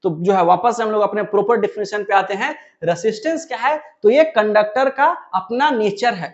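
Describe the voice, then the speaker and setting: A man's voice: sits high, lo-fi sound. A man teaching a physics lesson, who asks the class questions and then answers them himself. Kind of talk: classroom lecture.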